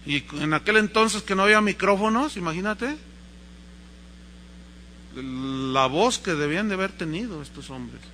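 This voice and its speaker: A man with a Mexican accent preaching a sermon, telling a story in a lively way and acting out the voices. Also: high-pitched, normal speed, pauses often, slight background noise. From Mexico, Guadalajara. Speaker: pastor.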